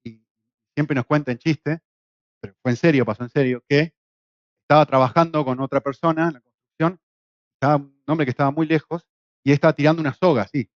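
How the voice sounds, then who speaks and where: Argentine man lecturing, fairly high voice. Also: fairly quick, long pauses, no room sound, muffled recording. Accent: Argentine Spanish. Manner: lively, acts out quoted voices with shouts and jokes. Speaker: Bible course teacher. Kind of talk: classroom lecture. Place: classroom in Spain.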